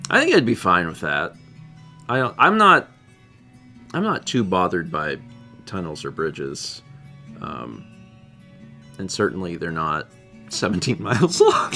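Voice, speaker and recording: Low-voiced man chatting on a livestream. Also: bright, forceful tone. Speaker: livestream host. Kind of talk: casual chat, reading viewer comments.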